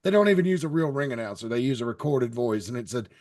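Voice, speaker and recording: A man's voice: mid-range voice, expressive, quick pace, a little mellow. A man on a podcast panel, chatting casually and rambling with hesitant fillers. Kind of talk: casual chat.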